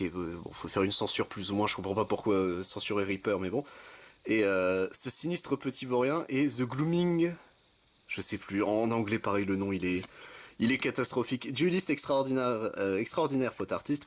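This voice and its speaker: A young man casually commenting while opening trading card packs, listing card names and adding quick asides. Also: mid-range voice. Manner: chatty, reads card names in quick lists, self-correcting asides. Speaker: card-opening video host. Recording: faint background noise with card crinkling.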